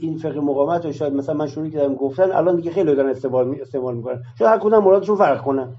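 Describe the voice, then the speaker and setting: A man's voice: a little high, slightly rough, dull audio. A man arguing his point in a discussion session, explaining it through rhetorical questions.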